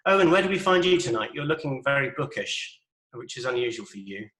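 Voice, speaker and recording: A man's voice: medium pitch, sing-song, brisk, bright, forceful tone. Informal male panel host in an echoey room. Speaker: host and moderator of an online panel. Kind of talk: chatty panel introduction and questions. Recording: roomy echo on a video call.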